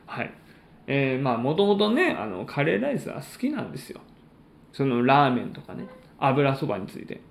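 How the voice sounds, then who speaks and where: A man hosts a solo talk podcast in a mid-pitched voice with a gravelly creak. He speaks in courteous, formal announcer phrases and often pauses between them. The room adds clear echo around his voice. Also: sing-song. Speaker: podcast host and stand-up comedian.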